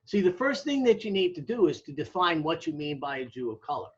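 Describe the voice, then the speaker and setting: A slightly high male voice with big pitch swings moves at a fairly quick pace as an American demographer explains things in an interview. Emphatic and didactic, the academic keeps checking in and asking rhetorical questions; the recording is dull and lo-fi.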